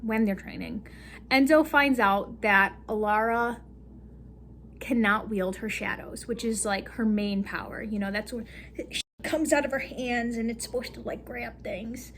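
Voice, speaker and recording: Giggly, high-voiced young woman rambling. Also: a little slow, fairly bright tone, a little hiss or hum. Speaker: book vlogger. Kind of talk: casual book recap.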